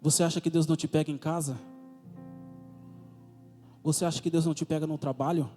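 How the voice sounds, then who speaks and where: A man's voice: on the high side, steady tone, a little fast, mellow. A man with a Brazilian accent preaching a testimony sermon, full of fervent repeated rhetorical questions. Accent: Brazilian Portuguese. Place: church. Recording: reverberant church hall with music.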